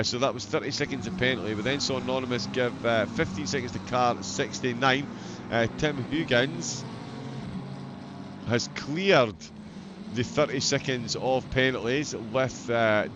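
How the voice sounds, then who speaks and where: Male livestream motorsport commentator, broad Scottish accent, medium pitch, chatty and wry, clear car noise behind. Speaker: sim racing livestream commentator.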